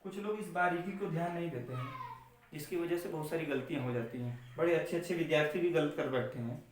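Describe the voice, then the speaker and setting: A man teaching a lesson on letter sounds, slowly explaining and answering his own questions. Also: a little high, slight background noise. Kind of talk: classroom lesson on pronunciation. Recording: far-off mic in echoey room.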